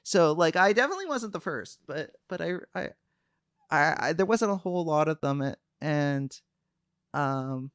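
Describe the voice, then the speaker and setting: A young male VTuber chats casually with his livestream audience, calm and soft-spoken, hesitating often with fillers and restarts. His smooth, clean voice sits a little high for a man and is recorded close, dry and dead with no echo.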